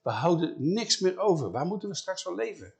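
A man voicing frightened royal servants who plead with their king, quick and anxious. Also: sits high, sing-song, gravelly, darkish tone, pitched above the performer's own voice, exaggerated voice. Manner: pleading, rising alarm. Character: panicky male royal servants.

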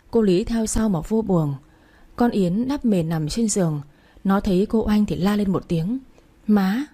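A woman narrating a novel as an audiobook reader, in an even storytelling manner. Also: medium pitch, slightly rough. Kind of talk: novel reading.

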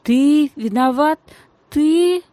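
Женщина озвучивает в аудиокниге вспыльчивую девочку лет двенадцати с писклявым голосом. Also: female voice, dry recording, natural voice. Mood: indignant. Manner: squeaky, quick to flare up. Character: excitable schoolgirl of about twelve.

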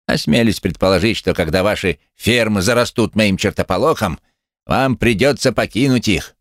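A man's voice: lowish voice, normal speed, no echo, studio quality, pitched above the performer's own voice, natural voice. A man voicing a sneering one-legged male cynic who speaks with mocking contempt. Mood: defiant.

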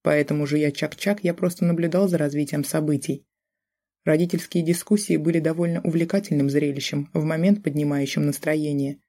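An audiobook narrator reading a first-person novel in a steady, matter-of-fact way. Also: medium pitch, fairly quick.

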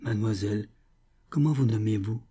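Man doing a gentle captive cavalry officer. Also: lowish voice, brisk, breathy edge. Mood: earnest.

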